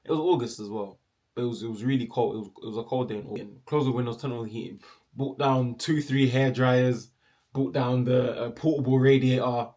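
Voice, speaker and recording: A man's voice: medium pitch, brisk, mellow. A young man, telling a personal story casually and acting out the other people's voices playfully. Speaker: storyteller vlogger.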